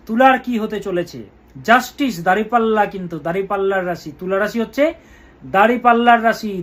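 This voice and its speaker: A man talking as an astrologer through a weekly horoscope, slow and emphatic, repeating key words and chanting mantras. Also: sits high, a bit bright.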